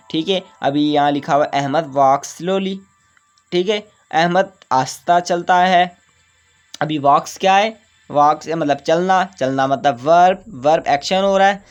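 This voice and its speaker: Man teaching grammar with music faintly behind. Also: on the high side. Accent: Urdu-influenced Hindustani. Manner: repetitive, asks and answers his own questions. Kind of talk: explanatory lesson.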